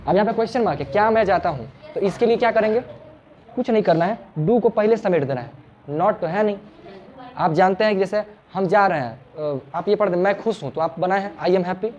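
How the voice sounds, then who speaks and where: A man's voice: high voice, darkish tone, muffled recording. A man teaching English grammar informally in a small classroom, chatty and joking, often repeating his words. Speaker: English tutor.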